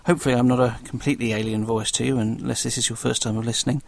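Fast-talking South London man, slightly gravelly. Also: medium pitch, flat delivery. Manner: self-deprecating, dry humour. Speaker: guest podcast host. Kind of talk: casual solo podcast talk.

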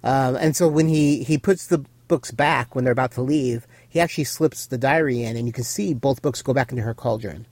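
A man's voice: medium pitch, fairly quick, hardly any pauses, a little mellow, no room sound. A man co-hosting a casual recap chat, explaining and filling in details. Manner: explanatory, adds detail and corrections. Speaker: podcast co-host.

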